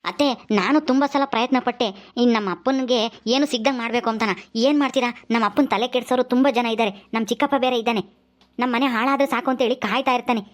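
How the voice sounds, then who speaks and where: An earnest young husband pleads and argues in a quick, high voice, as a woman acts him out. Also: fairly even intonation, natural voice. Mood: pleading.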